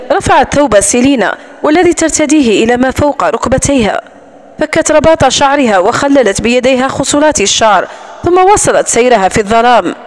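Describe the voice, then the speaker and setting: A woman narrating a romance novel audiobook in a steady, even storytelling manner. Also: high voice. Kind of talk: scripted narration.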